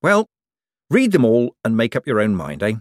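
A man's voice: medium pitch, huge pitch swings, moderate pace, no room sound, clean studio sound. Man doing a glib, evasive young con man. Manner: hesitant, wry and evasive.

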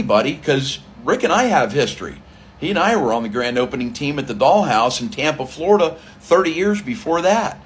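A man spinning a long story in a loose, rambling way, circling back on phrases and jumping into other people's voices as he quotes them. His voice sits at an ordinary middle pitch. A faint hiss of noise runs underneath. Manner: rambling, repeats phrases, acts out quoted dialogue. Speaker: club DJ telling a story. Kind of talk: casual storytelling monologue.

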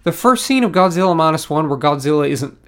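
A man's voice: on the high side, animated, quick pace. A young man co-hosting a podcast in casual chat, rambling with many restarts. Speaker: podcast co-host.

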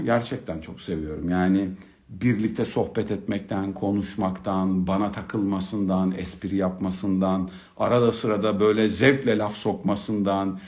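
A middle-aged man telling a humorous personal story about being a father, in an expressive, colloquial manner. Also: fairly low pitch. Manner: expressive, humorous, colloquial, swings from hushed to excited. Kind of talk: storytelling talk.

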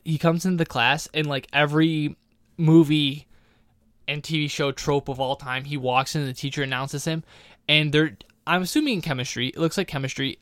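A man's voice: on the high side, fairly bright tone, clean tone, no room sound, clean studio sound. A man co-hosting a podcast in casual chat, ranting animatedly with many restarts. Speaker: podcast co-host.

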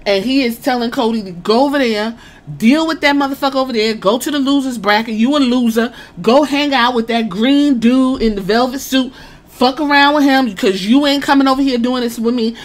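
A woman excitedly retelling a wrestling press conference in casual, profane storytelling, acting out what each man said. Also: high-pitched, fairly quick. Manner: excited, swears a lot, acts out quotes.

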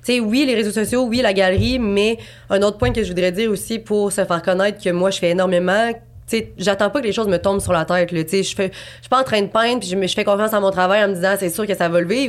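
A woman's voice: medium pitch, fast. A woman aged twenty-eight with a Quebec French accent, talking casually and at length as a guest artist in an interview, with lots of fillers and restarts. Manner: chatty, rambling, many fillers and restarts.

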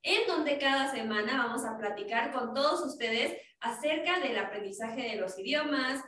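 A young woman hosts a casual, chatty podcast with many fillers, her voice high-pitched, expressive and fairly bright at a normal speed. She sounds far from and a bit off the mic, in an echoey room with faint noise.

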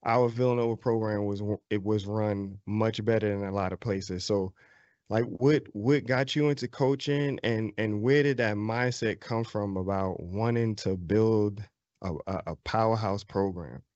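Low voiced guy hosting a podcast, chill, dry slightly dull sound. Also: measured pace, darkish tone, no echo. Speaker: podcast host, former player. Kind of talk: casual podcast conversation.

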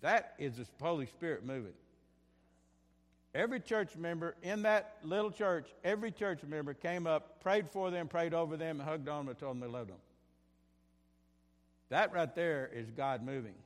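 A man preaching a sermon as pastor, impassioned, swinging between bursts of fervor and quieter asides, often repeating his phrases. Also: a little high, long reverb tail. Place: church sanctuary.

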